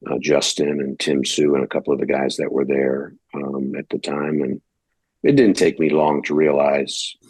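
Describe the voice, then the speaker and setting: Very deep, husky pastor from Detroit. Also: male voice, little pitch movement, moderate pace, darkish tone, no room sound. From United States (Detroit, Michigan). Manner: conversational, rambling, acts out quoted dialogue. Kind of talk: casual interview storytelling.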